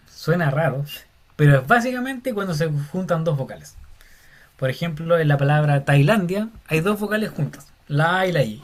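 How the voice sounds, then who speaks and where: A man's voice: a little high, a little mellow. A man teaching a Bible Greek lesson, explaining step by step in an informal, friendly way and calling listeners "hermano". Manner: casual, addresses listeners as "hermano", many fillers. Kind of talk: informal lecture.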